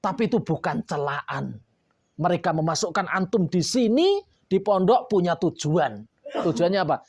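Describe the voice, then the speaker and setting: A man preaching a sermon to boarding school students, coaxing and playful, with lively asides. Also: on the high side, husky, no room sound.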